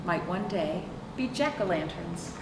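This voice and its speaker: Young children hear a picture book read by a librarian at storytime, who takes her time and varies her pitch in lively swings. Expressive, she puts questions to her audience. A distant microphone yields roomy sound, and background noise is clearly present.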